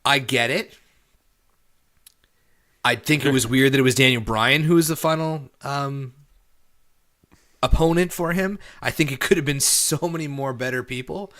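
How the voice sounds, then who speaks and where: A man's voice: medium pitch, moderate pace, long pauses, fairly bright tone. A man co-hosting a wrestling podcast, chatting casually and opinionatedly, repeating points for emphasis. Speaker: podcast co-host.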